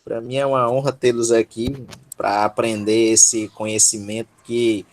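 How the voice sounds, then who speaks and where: A man's voice: medium pitch, level tone, a little slow, a little mellow. A man with a Brazilian Portuguese accent teaching Greek syllable by syllable in an online workshop, patient and encouraging, checking in with his students often.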